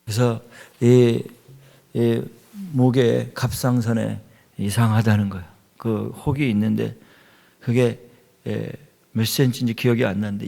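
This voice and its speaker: Middle-aged man, pastor, sermon, gravelly voice, lingering church hall reverb. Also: medium pitch, warm tone. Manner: storytelling, builds to fervent emphasis. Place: church sanctuary.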